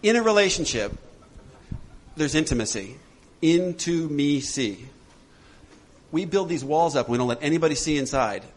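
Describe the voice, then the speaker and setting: A man leading a recovery workshop for a group, animated and laughing often as he acts out voices. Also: on the high side, quick pace. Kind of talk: talk to a group.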